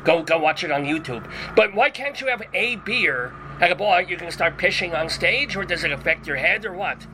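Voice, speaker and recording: A man voicing an excitable older male rabbi who hosts a comic radio interview and peppers his talk with Yiddish words. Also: sits high, moderate pace, few pauses, a little hiss or hum, poor audio. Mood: chatty. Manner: effusive, sprinkles in Yiddish words. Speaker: host.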